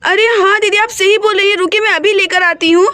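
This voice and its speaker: A woman's voice: extremely high pitch, fairly even intonation, sharp tone, no room sound, studio quality. A woman voicing an anxious young village neighbour who hurries to fetch help in a doll-play story. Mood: hurried worried. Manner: hurried and worried.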